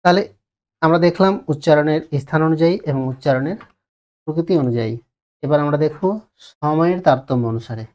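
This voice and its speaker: Man, teacher, Bengali accent, grammar lesson, repetitive, drawn-out vowels in examples. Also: on the high side, darkish tone. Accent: Bengali, West Bengal. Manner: repeats key phrases, asks and answers own questions; drags out vowels to demonstrate. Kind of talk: exam-prep grammar lesson.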